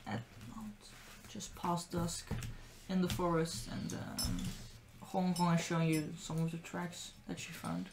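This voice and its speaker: A woman narrating a tabletop role-playing game as game master, easygoing and relaxed. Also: fairly low pitch, slow pace, noisy background.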